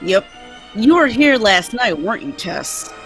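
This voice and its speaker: A woman playing Dick Tracy, a brisk male police detective, in a 1940s-style radio drama read. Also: mid-range voice, very animated, faint music behind. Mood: matter-of-fact.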